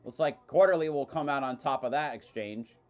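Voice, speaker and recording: A man hosting a live stream, casually reacting to a car race with sudden excited outbursts. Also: mid-range voice, brisk. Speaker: livestream host.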